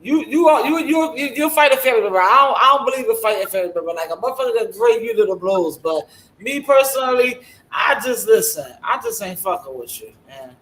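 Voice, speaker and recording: A woman's voice: on the high side, animated, fast, fairly bright tone. A woman co-hosting a casual podcast chat, blunt, profane and emphatic, sometimes raising her voice. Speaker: guest co-host. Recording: roomy echo.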